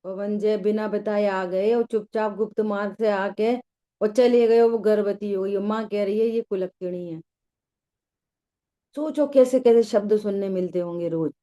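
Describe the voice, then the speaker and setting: A woman's voice: mid-range voice, fairly even intonation, normal speed, dark tone, lo-fi sound. A middle-aged woman giving a religious discourse on scripture, telling a story and asking her listeners rhetorical questions. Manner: acts out quoted voices. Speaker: scripture teacher.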